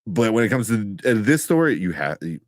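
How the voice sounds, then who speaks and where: Deep-voiced laid-back man chatting. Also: sing-song, a little fast, dry recording, clean studio sound. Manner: laid-back, rambling with restarts and laughs. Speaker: co-host of live nerd news show. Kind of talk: casual chat.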